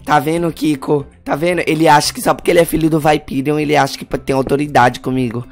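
A man's voice: fairly high pitch, flat delivery, fast, soft background music, natural voice. A man voicing a whiny, cowardly young boy, a spoiled superhero's son, in a Minecraft role-play. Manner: whiny, dramatic, shrieks in panic.

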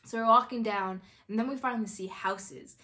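A young woman in her twenties telling a story in a casual, animated way, acting out her own quotes with lots of filler words. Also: on the high side, moderate pace. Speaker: vlogger.

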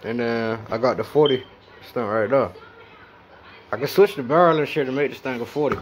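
A man's voice: medium pitch, moderate pace, a little hiss or hum. Laid-back slangy man vlogging. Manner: slangy, laid-back, addresses viewers directly. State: talking with a mouth guard in. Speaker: gun review vlogger. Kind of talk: casual gun review.

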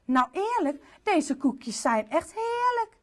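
A woman puts on a small, polite boy from a children's picture book. He speaks sweetly and earnestly in a high voice that rises and falls a lot. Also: very animated, takes it slowly, exaggerated voice. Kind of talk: storybook voice.

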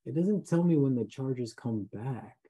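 A man's voice: mid-range voice, expressive, a little slow, warm tone, breathy edge, muffled recording. A man chatting casually as a tabletop game player, thinking aloud hesitantly. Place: indoors at home, on a video call.

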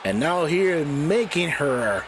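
This wrestling commentator has a slightly high, sing-song voice and a slow pace. His live-stream commentary is loose and rambling, full of giggles, self-deprecation, and laughing apologies, with noise audible in the background.

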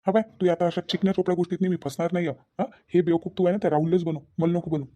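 Give me an actor voicing a scornful young cartoon man with a Vidarbha accent, dark-toned and rapid. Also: mid-range voice, level tone, natural voice. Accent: Vidarbha Marathi. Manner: curt, scornful. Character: cold, dismissive young man. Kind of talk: cartoon voice acting.

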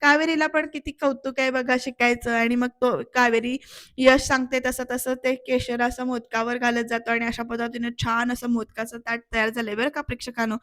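A woman's voice: fairly high pitch, level tone, brisk, a bit bright, dry recording. A woman with a Marathi accent, chatting to viewers in a voice-over recap of a TV serial, retelling the characters' lines. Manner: chatty, addresses viewers directly, retells dialogue with light acting. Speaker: serial episode reviewer.

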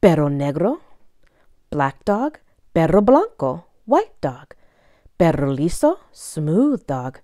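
A woman with a deep, dark-toned voice and big pitch swings reads a children's picture book aloud, bilingual read-aloud style, expressively and deliberately, phrase by phrase. The sound is clean studio quality with no echo.

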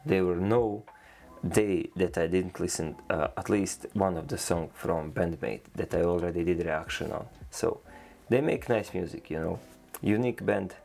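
Low gravelly man reacting casually. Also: a little mellow. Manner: loose, rambling, enthusiastic, with many fillers. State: tired, yawning. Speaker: reaction video host. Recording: faint music playing behind.

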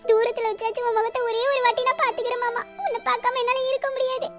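A woman's voice: extremely high pitch, steady tone, fast talker, faint music behind. A young woman voicing a devoted wife who tearfully pleads for her absent husband in an audio drama. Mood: pleading. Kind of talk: emotional audio drama acting.

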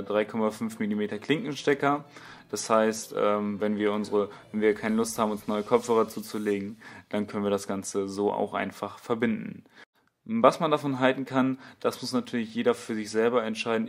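Hesitant young man. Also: lowish voice. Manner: hesitant, many fillers and restarts. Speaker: tech YouTuber. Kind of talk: casual voice-over commentary.

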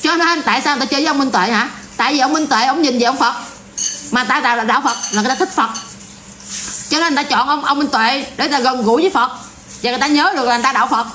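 Fast-talking blunt Southern Vietnamese woman. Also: sits high, a little hiss or hum. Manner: blunt, animated, repetitive ranting. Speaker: vlogger. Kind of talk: casual opinion vlog to viewers.

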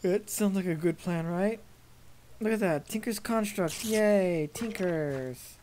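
Jumpy young woman gaming, lowish voice. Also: slow pace, warm tone, a little hiss or hum. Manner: jumpy, frightened and exclaiming. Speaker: gameplay commentator. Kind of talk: casual gameplay commentary.

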